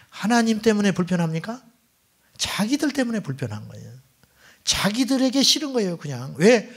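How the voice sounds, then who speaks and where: Male senior pastor, middle-aged, sermon delivery with a fairly high, very animated pitch; rhetorical questions, sudden hushed asides. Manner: preaching, rhetorical questions to the congregation; swings between loud exclamations and near-whispered asides. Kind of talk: Friday night sermon.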